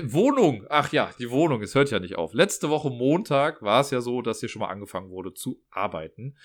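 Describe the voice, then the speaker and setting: Man, casual vlog monologue, brisk and chatty, mid-pitched. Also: a bit bright. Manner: chatty storyteller, acts out dialogue, frequent "ne?" tags. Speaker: after-school care worker.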